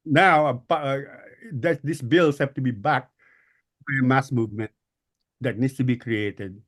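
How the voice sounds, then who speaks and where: Filipino male guest speaker, average pitch, explanatory delivery with frequent pauses and repeated words. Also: a bit bright. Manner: hesitant, pausing and repeating words. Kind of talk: explanatory political talk. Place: online group call.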